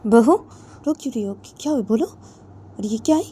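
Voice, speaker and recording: A stern, fussing middle-aged mother-in-law, as a woman storyteller puts her on, pitched well above the narrator's own voice. She fires rapid, insistent questions at everyone in a Hindi audio story. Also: expressive, mellow, slight background noise, close to an everyday voice. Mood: alarmed.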